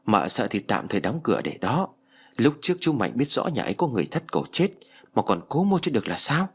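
A man's voice: mid-range voice, sing-song, a little fast, slightly rough. A man voicing a practical young woman who keeps asking questions in an audiobook ghost story. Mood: urgent. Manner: urgent, questioning storybook dialogue.

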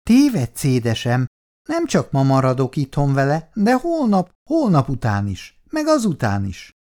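A woman's voice: huge pitch swings, dark tone, full character voice. A reader voicing an irritable young wife and mother who complains shrilly and reproachfully in a dramatized reading of a 1960s family story. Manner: shrill, reproachful, hysterical outbursts.

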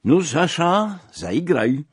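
A man voicing a coarse, boorish older peasant mystic who talks loudly and rudely. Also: very deep voice, huge pitch swings, slow pace, breathy edge, full character voice. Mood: coarse, boisterous. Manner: loud, rude, mocking, broken speech.

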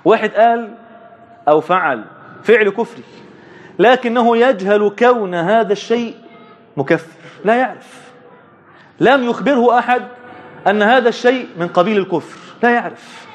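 In this religious lesson, the teacher is a man with a high voice and an Egyptian Arabic accent. He keeps asking his listeners questions only to answer them himself, elongating key words slowly to emphasize them.

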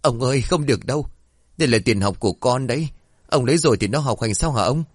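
A man's voice: lowish voice, animated, fairly quick, husky, no room sound. A man doing a pleading, long-suffering mother. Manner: pleading, tearful.

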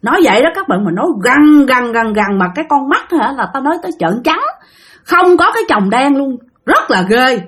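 Woman storyteller; lively, wide-ranging delivery, speaks slightly high. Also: fairly quick. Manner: animated, addressing listeners directly. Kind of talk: ghost story narration.

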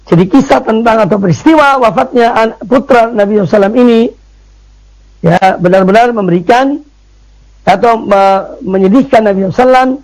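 Male preacher, very high voice, emphatic and repetitive lecture delivery. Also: fast, a little mellow, rough recording. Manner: emphatic, repeats phrases with frequent "ya" fillers. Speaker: Islamic preacher. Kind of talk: religious study lecture.

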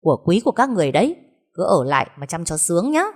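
A woman's voice: lowish voice, sing-song, fast. A woman voicing an insolent young wife who mocks and talks back. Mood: scornful. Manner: mocking, sharp-tongued.

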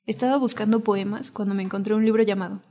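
A woman's voice: medium pitch, steady tone, fast, warm tone. A woman narrating a documentary podcast in a reflective, intimate scripted way. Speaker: narrator and host.

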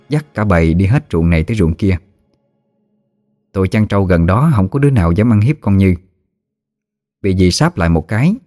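A man telling a ghost story, in a relaxed, folksy way. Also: fairly low pitch, dry recording.

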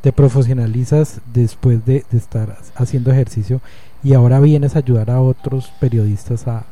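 Very dark-voiced male radio host. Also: medium pitch, steady tone, moderate pace. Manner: conversational, asks questions and sums up the guest's answers. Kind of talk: casual radio interview hosting.

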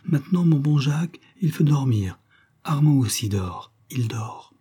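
A man voicing a gentle, dreamy young woman who speaks in a soft, lulling voice to a wounded man in an audiobook. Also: mid-range voice, animated, a little slow, breathy edge, pitched above the performer's own voice.

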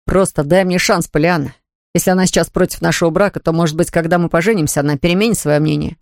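A woman's voice: fairly low pitch, steady tone, fast, darkish tone, no room sound, studio quality, natural voice. A woman voicing an ardent, confident young man who reassures his fiancée earnestly. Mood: tender.

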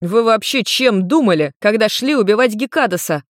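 A woman's voice: mid-range voice, lively intonation, normal speed, no room sound, clean studio sound, voice pushed up, close to an everyday voice. A woman voicing a hot-tempered young red-haired man in a storybook reading, blunt and demanding. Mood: reproachful.

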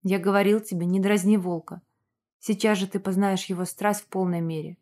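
An obsessive, domineering werewolf man, read aloud by a woman narrator in an audiobook. He growls and insists, dark and mellow in tone, never letting go of what he wants. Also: medium pitch, steady tone, fairly quick, close to an everyday voice. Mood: low, possessive. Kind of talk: audiobook character voicing.

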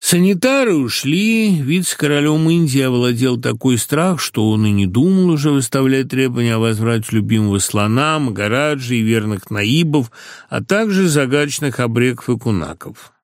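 A man reading a satirical novel aloud in a lively, expressive storytelling manner. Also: mid-range voice, no echo, clean studio sound. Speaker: reader.

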